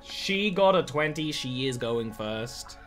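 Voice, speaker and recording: A man working as game master, improvising narration for a tabletop game in an animated, conversational way. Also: medium pitch, slow pace, loud music behind the voice.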